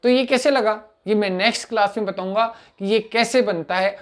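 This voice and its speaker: A man teaching spoken English in a casual lesson, explaining step by step with small acted dialogues and repeated examples. He talks haltingly, often pausing with "uh" and restarting words. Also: high voice. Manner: halting, with frequent "uh" fillers and restarts.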